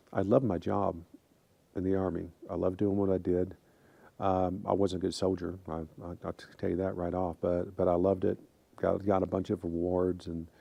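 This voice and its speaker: A man's voice: low-pitched, vocal fry, dark tone, slightly rough, no echo. A man in his fifties from the United States, talking casually to camera in a rambling way with many fillers and restarts. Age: 50s. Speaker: vlogger.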